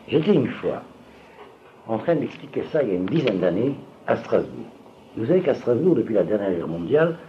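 An older man giving a rambling religious lecture to an audience, often stopping to ask if they follow. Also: medium pitch. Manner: digressive, keeps checking if listeners follow. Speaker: religious teacher. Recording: dull lo-fi recording with faint room noise.

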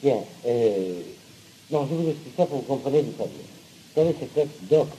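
A man's voice: medium pitch, lively intonation, normal speed, mellow, slight background noise, rough recording. A man teaching a class, often checking that listeners follow, hesitant with fillers and blunt, sarcastic asides. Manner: hesitant, with fillers and repeated words. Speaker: teacher of Hebrew and Torah. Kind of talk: classroom lecture.

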